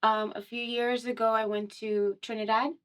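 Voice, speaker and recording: A young female singer from Miami is a guest on a radio show in a studio, chatting casually in a casual conversational interview with lots of "um" and "like" and frequent laughter. Her voice is a little high and fairly bright, with a level tone and normal speed.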